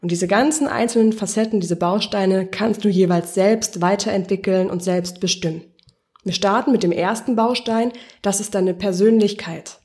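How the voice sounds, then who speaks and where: A woman's voice: medium pitch, steady tone, moderate pace, a little mellow. Encouraging female voice coach. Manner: encouraging, addresses the listener directly; explanatory, poses guiding questions. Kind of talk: podcast lesson.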